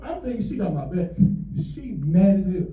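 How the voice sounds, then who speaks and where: Animated man doing stand-up. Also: high voice, moderate pace, echoey room, distant mic, dull audio. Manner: animated, acts out voices of grandma and dogs. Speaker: stand-up comedian. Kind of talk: stand-up storytelling. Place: comedy venue on stage. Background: audience laughter.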